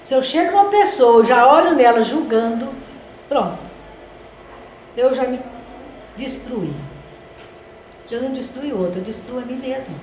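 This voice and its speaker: A woman's voice: high-pitched, expressive, normal speed, long pauses, darkish tone. An older woman leading a spiritist study group, telling stories conversationally and often tagging phrases with a questioning "né?". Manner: anecdotal, conversational, frequent "né?". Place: meeting room of a spiritist center. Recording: roomy echo with background noise.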